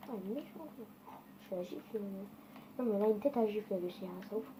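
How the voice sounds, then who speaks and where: A woman's voice: medium pitch, fast talker, mellow, a little hiss or hum, poor audio. A woman giving casual, chatty gameplay commentary, swearing freely and talking straight to her viewers. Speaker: gaming video creator.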